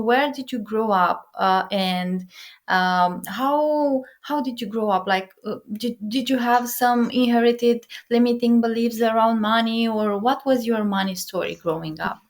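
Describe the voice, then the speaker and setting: Enthusiastic woman hosting a podcast. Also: on the high side. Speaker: podcast host. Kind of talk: podcast interview.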